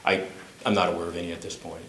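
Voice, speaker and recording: A man answering press questions as a police spokesman, hesitant and measured. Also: low-pitched, flat delivery. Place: press conference room. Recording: echoey room with clear background noise.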